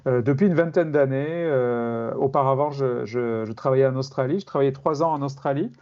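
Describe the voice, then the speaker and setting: A middle-aged man from France, a criminology professor explaining his field in an interview, measured and hesitant with many fillers. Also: medium pitch, dull audio.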